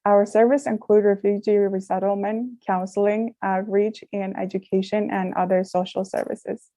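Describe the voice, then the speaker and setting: A young woman from Afghanistan, a social work intern, giving a prepared presentation in a careful, halting way with restarts. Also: mid-range voice, steady tone, mellow, dry recording.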